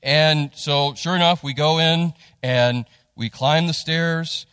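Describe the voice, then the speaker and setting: A man's voice: on the high side, takes it slowly, clean tone, no room sound, long reverb tail. A pastor telling a family story in a sermon, acting out the people he quotes before turning to scripture. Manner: animated storytelling, acts out quotes.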